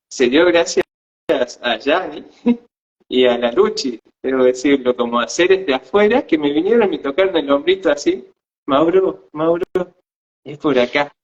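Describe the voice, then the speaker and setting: A man, co-hosting and telling a personal spiritual story hesitantly, often repeating words. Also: a little high. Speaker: podcast co-host. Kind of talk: casual spiritual storytelling chat. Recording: slightly dull lo-fi sound.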